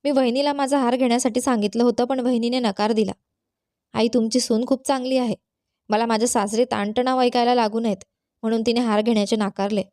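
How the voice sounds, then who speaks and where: An earnest, kind young sister-in-law from a storybook, speaking in pleading, heartfelt tones, as a woman reader puts her on. The voice is fairly high, mellow, and dry. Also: fairly even intonation, a little fast, no room sound, close to an everyday voice.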